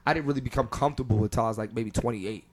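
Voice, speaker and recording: A Philadelphia-area man in his thirties, appearing as a guest comedian, talks very fast at a medium pitch in a loose, easygoing chat. He rambles in long, winding runs packed with fillers and restarts.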